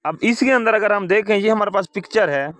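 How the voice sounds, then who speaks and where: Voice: mid-range voice, brisk, a bit bright, no room sound. A teacher leading an English lesson, spelling words letter by letter and having the pupils repeat them. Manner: addresses pupils as "beta". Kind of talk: call-and-response English lesson.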